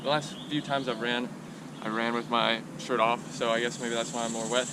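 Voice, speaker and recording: A man's voice: medium pitch, flat delivery, normal speed. A man chatting casually to his camera outdoors as he records a vlog. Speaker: vlogger. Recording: noisy outdoor ambience.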